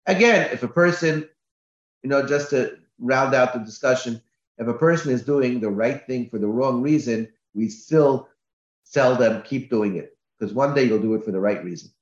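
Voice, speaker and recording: A man's voice: medium pitch, moderate pace. A man, a rabbi, giving a Torah class with emphatic repetitions, recorded lo-fi in an echoey room.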